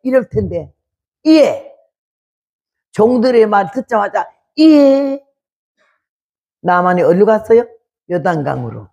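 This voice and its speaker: A woman's voice: medium pitch, lively intonation, normal speed, vocal fry, pauses often, a little mellow, breathy edge. A woman in her eighties gives a testimony sermon as a missionary preacher, speaking emphatically with repeated rhetorical questions. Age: 80s.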